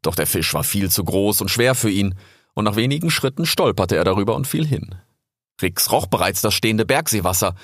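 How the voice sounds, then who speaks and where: A man calmly narrating a storybook aloud. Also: on the low side, a little fast, dry recording, studio quality. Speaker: audiobook narrator.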